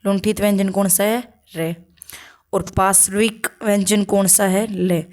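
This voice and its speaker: A woman teaching an exam-prep grammar lesson, asking questions aloud and answering them herself, often checking in with a quick "okay". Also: mid-range voice, fairly even intonation, a little mellow. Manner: checks in with frequent "okay" tags.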